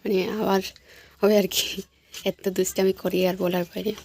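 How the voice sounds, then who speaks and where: A woman's voice: medium pitch, flat delivery, normal speed, darkish tone, slight background noise. A young woman, vlogging casually at home and coaxing her toddler between asides to viewers. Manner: coaxing, chatty, talks to viewers between prompts. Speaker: vlogger and mother.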